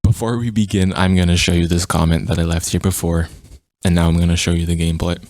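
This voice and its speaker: A man's voice: sits low, flat delivery, quick pace, darkish tone, no echo, clean studio sound. A man giving casual game review commentary, often stammering and repeating his words.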